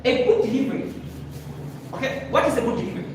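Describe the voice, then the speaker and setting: Man coaching public speaking live, high voice, distant mic, very echoey room, background noise. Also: lively intonation, fast talker. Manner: demonstrative, quizzes the audience. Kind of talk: live workshop lecture.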